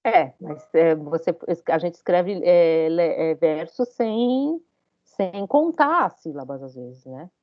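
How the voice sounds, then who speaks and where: A woman's voice: fairly low pitch, animated, slow pace, dry recording, highs cut off. A woman giving a university lecture, talking it through with many hesitant fillers and questions to her students.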